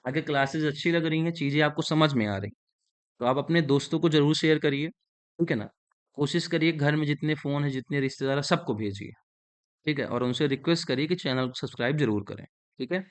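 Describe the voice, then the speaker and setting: His voice sits a little high and sounds clean. An Indian-accented man, he teaches English grammar in Hindi, slowly dictating sentences and explaining each one step by step.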